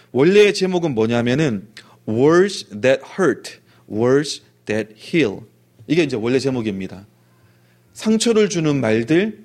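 Animated male preacher. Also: on the high side. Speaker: pastor. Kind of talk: sermon.

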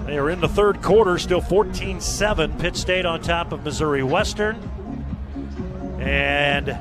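High-pitched male football play-by-play announcer. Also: measured pace, music in the background. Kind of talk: live sports commentary. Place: outdoor football stadium broadcast.

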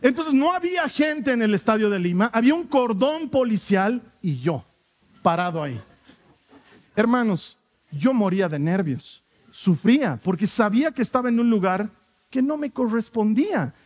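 Male pastor, high pitch, lively storytelling sermon. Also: normal speed. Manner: animated storyteller acting out quoted voices.

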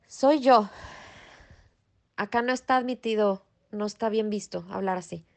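A woman's voice: mid-range voice, measured pace, vocal fry. A middle-aged woman with a Mexican Spanish accent, a property manager talking bluntly and emphatically in a casual interview, mixing in English words.

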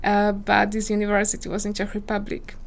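Speaking brisk, creaky English in a medium pitch with a completely flat delivery, a Slovak visiting scholar in her twenties answers interview questions. She is earnest but searches for her words as a non-native speaker with a Slovak accent.

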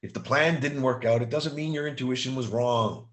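A man giving an emphatic motivational monologue, repeating key phrases and slowing down to stress them. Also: medium pitch, a bit bright, echoey room. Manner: slows down for emphasis. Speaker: motivational speaker.

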